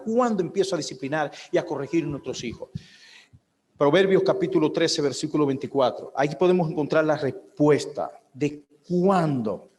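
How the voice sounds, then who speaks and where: Male pastor, slightly high voice, preaching a sermon in a hall with long echo. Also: a little mellow. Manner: preaching with rhetorical questions, acting out a baby's and a mother's voices. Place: church hall.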